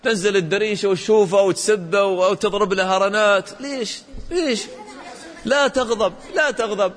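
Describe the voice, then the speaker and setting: Man, religious teacher, fairly high voice, questions the kids, long hall reverb. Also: moderate pace, a faint crowd. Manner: animated, questions the class and acts out examples. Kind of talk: religious lesson for children.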